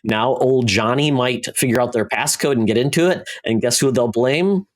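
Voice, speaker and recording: A podcast host with a mid-range voice chats casually about entertainment news at a moderate pace, explaining it in a rambling, conversational way.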